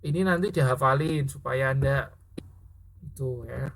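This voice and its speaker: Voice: mid-range voice, unhurried, slight background noise. An English teacher in a casual classroom explanation, often stopping to check understanding and correcting themself mid-sentence. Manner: keeps checking understanding with tag questions; mixes spoken English example sentences into explanation.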